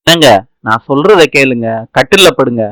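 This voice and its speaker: A man's voice: medium pitch, animated, normal speed, fairly bright tone, no echo, natural voice. A man voicing a playful young wife who teases and orders her husband about, in a serial recap narration. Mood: teasing. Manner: teasing, bossy. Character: cheerful young woman, playful teasing wife.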